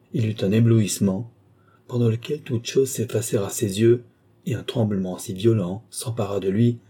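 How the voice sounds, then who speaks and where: Male audiobook narrator, dark and mellow, measured delivery. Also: on the low side, breathy edge.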